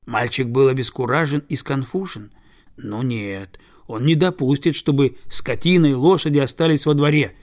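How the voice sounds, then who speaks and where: A man reading a storybook aloud with calm, measured narration. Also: medium pitch. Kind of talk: audiobook narration.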